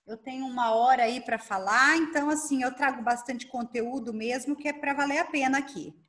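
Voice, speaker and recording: A Brazilian woman coach giving a lively online workshop, talking fast and asking herself rhetorical questions over a video call. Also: sits high. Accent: Brazilian Portuguese. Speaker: coach and speaker leading a workshop.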